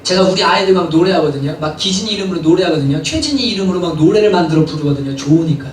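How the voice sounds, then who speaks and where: A male pastor preaching a sermon in a church, animated and often asking the congregation questions. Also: on the high side, rapid-fire, a little hiss or hum. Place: church sanctuary. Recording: echoey hall from a distant mic.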